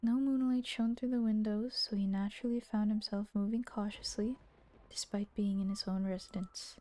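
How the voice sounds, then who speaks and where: Mid-range and dark in tone, a woman's voice holds steady at a moderate pace. She's a streamer voicing a visual novel live, reading the story dramatically and breaking in with playful, casual asides.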